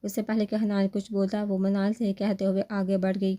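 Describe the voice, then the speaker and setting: A woman narrating a romantic story in a steady, even reading manner. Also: medium pitch.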